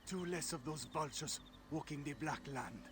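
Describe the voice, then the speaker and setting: A man's voice: on the high side, normal speed, lightly acted. A man playing a bitter weary villager. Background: game music.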